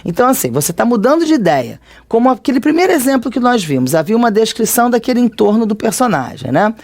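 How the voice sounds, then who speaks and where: Grammar teacher, Brazilian Portuguese accent, mid-pitched and expressive, talks students through it casually. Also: quick pace. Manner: conversational, checks in often with tag questions. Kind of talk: recorded grammar lesson.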